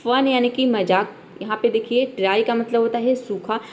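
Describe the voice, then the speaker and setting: This young woman's voice sits on the high side with a darkish tone and a normal speed as she teaches English in Hindi, with a Hindi accent, like a classroom lesson. Patiently she asks herself questions and answers them, checking in with a repeated "ठीक है." There's slight background noise.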